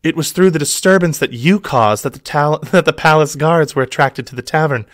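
A man's voice: a little high, fairly quick, fairly bright tone, no room sound, studio quality, pitched above the performer's own voice, lightly acted. A man putting on a sultry noblewoman. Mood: mock sultry.

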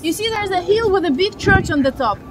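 High-voiced woman tour guide. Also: animated, a little fast. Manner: explanatory, asks the group questions. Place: outdoor viewing deck high above city at night. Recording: noisy windy outdoor city ambience.

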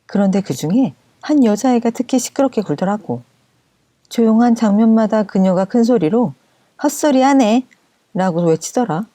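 A woman with a warm, mid-pitched voice tells a first-person story in a steady, conversational manner. Her voice is dry and close to the mic. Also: no room sound. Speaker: story narrator.

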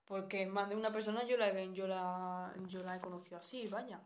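A woman's voice: mid-range voice, fairly even intonation, brisk, a little hiss or hum. A young woman from Spain with a Spanish accent, chatting bluntly with viewers on a live stream and reading out their comments. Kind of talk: casual live-stream chat.

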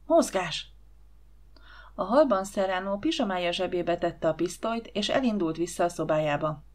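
Woman reading an audiobook, lowish voice. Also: a little mellow. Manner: acts out the dialogue with shifting voices. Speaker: audiobook reader. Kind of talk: audiobook narration.

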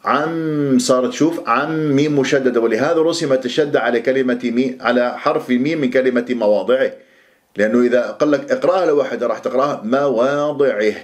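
Man teaching careful Quran recitation. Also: medium pitch. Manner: explains rules plainly, then recites phrases slowly and carefully. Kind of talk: tajweed lesson, explaining and reciting.

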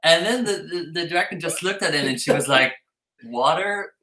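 A man's voice: a little high, fast talker, sharp tone, echoey room, slight background noise, low-quality recording. A man casually telling the story of how he met his partner, chatty and playful. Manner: chatty, playful, laughs often. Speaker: co-host telling their story.

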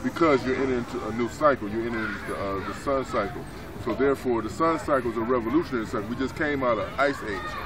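A man's voice: mid-range voice, fast talker, few pauses. A man in his forties, a minister, answering questions in a street interview in a city park, explaining earnestly and leaning on "so therefore". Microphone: camera mic at a few feet. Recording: distant outdoor mic, crowd noise behind.

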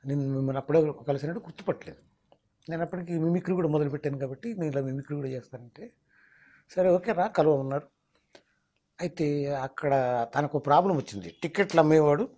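A man's voice: a little high, mellow. A mimicry artist, explaining his craft in an interview and slipping into demonstration voices. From Telangana, India.

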